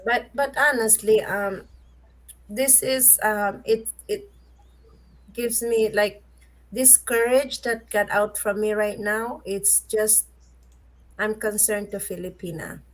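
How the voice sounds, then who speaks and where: Slow-talking woman hosting a livestream. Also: mid-range voice, fairly even intonation. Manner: candid, laughs often, scoffing. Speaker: host. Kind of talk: casual livestream chat.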